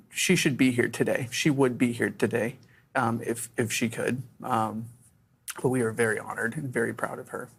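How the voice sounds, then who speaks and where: A man's voice: medium pitch, gravelly, breathy edge. A man being interviewed on the news about his late sister, speaking hesitantly with many restarts. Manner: hesitant, repeating words. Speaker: interview guest, brother of a victim.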